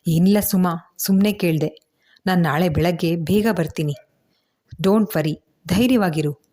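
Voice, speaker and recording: A woman's voice: fairly low pitch, measured pace, warm tone. A woman voicing a worried young husband who speaks urgently and then reassures his wife. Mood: concerned.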